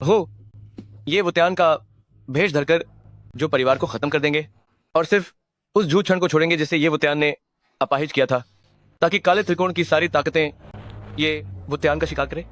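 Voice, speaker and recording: A man dubbing a sly henchman who lays out a plot in a smooth, conspiratorial way. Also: on the high side, normal speed, pauses often, a bit bright, natural voice. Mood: scheming. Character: scheming henchman, sly and placating.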